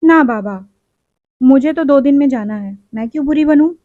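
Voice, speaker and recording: A woman's voice: high voice, moderate pace, dry recording, natural voice. A woman voicing an aloof visiting daughter who refuses in an offhand, evasive way. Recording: dull lo-fi recording.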